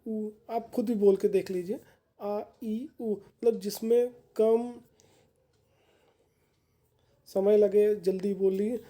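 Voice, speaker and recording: A woman's voice: medium pitch, mellow. A woman teacher giving a grammar lesson for exam candidates, explaining patiently and repeating points in plain words.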